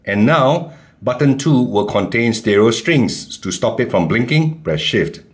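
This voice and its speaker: A man calmly giving step-by-step keyboard instructions in a tutorial. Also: mid-range voice, a little slow. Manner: calm, plain instructions. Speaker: keyboard teacher.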